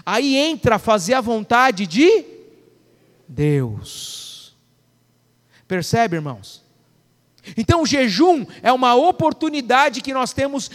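A man's voice: very high-pitched, big-room sound. A male pastor preaching a sermon, calling questions out to the congregation.

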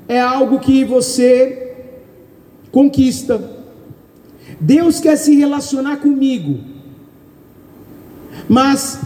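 High-voiced Brazilian preacher in echoey hall. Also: male voice. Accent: Brazilian Portuguese. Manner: loud, calls out questions to the congregation. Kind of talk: sermon. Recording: echoey hall, long reverb.

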